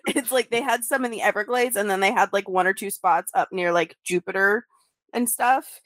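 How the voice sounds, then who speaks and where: A woman's voice: mid-range voice, normal speed, fairly bright tone, no echo. A young woman co-hosting a podcast, telling a story in casual chat, with lots of "like" fillers and laughter. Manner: laughing, many "like" fillers, swearing. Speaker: podcast co-host.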